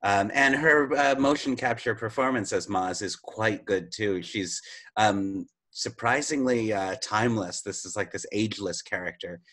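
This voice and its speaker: A man with a fairly low voice, co-hosting a relaxed podcast conversation. He leads each new topic but hesitates often, filling pauses with little sounds. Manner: hesitant, many filler sounds, steers topics. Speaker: podcast co-host. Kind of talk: casual podcast chat.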